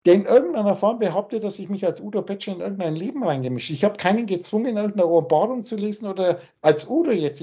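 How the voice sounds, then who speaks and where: A man lectures over a video call with a husky, darkish voice, scolding and preachy, often blunt to the point of crude. The call audio is dull and lo-fi, its highs rolled off. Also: dark tone. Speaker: spiritual teacher.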